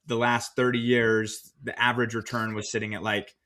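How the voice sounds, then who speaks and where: A man co-hosting a podcast, recounting his own finance choices in a relaxed, storytelling way with plenty of fillers. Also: medium pitch, moderate pace. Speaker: podcast co-host. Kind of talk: casual podcast discussion.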